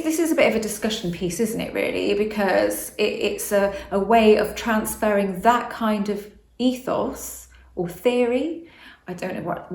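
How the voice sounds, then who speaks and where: A woman's voice: mid-range voice, darkish tone, roomy sound. A woman vlogging about manifestation in a casual, rambling monologue, often restarting and correcting herself.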